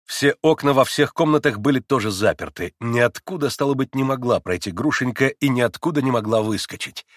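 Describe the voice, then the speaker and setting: A man reading a novel aloud as an audiobook narrator, with expressive, dramatic delivery. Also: mid-range voice, a little fast, few pauses, no room sound, clean studio sound. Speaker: audiobook reader.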